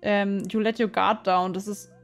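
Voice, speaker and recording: A woman voicing a creepy young man who holds a classmate captive, low and gloating with mock gentleness. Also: little pitch movement, moderate pace, faint music behind, close to an everyday voice. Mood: taunting. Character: sweet-talking creepy young male kidnapper.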